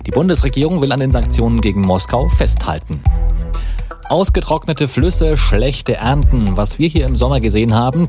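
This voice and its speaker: A male newsreader delivering scripted radio headlines in a steady, formal tone. A clear music bed runs underneath throughout. His pitch sits in a middle range. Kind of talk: scripted news reading.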